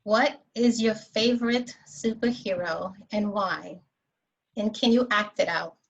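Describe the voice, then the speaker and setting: A woman acting as topics master at a club meeting, upbeat and quick to laugh. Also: medium pitch, creaky, dull audio. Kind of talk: meeting host.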